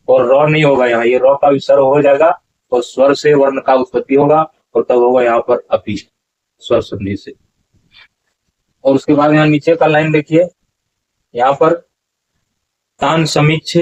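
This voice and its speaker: A man's voice: mid-range voice, a little mellow. Man teaching verse pronunciation, lo-fi. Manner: slow deliberate syllable-by-syllable chanting of examples; repetitive, corrective teaching. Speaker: Gita recitation teacher. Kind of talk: explanatory lesson on verse pronunciation.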